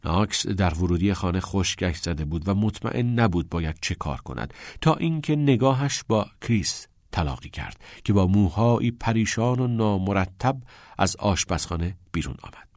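A man narrating an audiobook with an expressive storytelling delivery. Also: low-pitched, no echo, studio quality.

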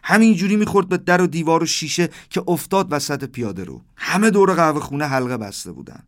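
A man's voice: a little high, expressive, fairly bright tone. A man in his thirties narrating a surreal first-person story, with livelier delivery when he quotes the exchanges. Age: 30s.

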